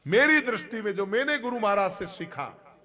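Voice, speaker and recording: A man's voice: high voice, very animated, moderate pace, pushed and bright, faint music behind. A man giving a devotional scripture discourse, explaining points to his listeners through rhetorical questions. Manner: chants rhythmic drum syllables aloud. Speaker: religious discourse preacher.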